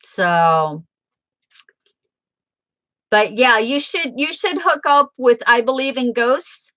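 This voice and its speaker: A tarot reader from Southern Illinois, USA, hosts a livestream, chatting casually and answering viewer comments. Her slightly high voice is bright, forceful and animated, she speaks slowly, and the sound is dry and close.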